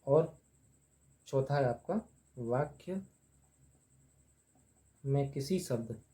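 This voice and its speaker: With an animated, warm, mid-range voice, a man teaches grammar by asking questions and answering them himself. Each term gets repeated slowly while he writes it on the board.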